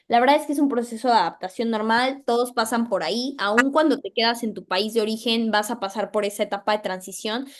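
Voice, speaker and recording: Young Mexican woman, thoughtful and measured. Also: on the high side. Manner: measured, thoughtful explanations with frequent fillers. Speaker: medical resident, interview guest. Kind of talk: casual interview answers.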